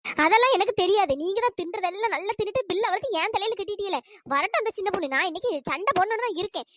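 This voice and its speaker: A wailing woman, squeaky and fast. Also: animated, no echo, clean studio sound. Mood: scolding. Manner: wailing, complaining, sharp-tongued. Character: village woman who overpaid a hotel bill, lamenting and scolding. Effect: pitch-shifted voice. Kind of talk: cartoon storytelling voice acting.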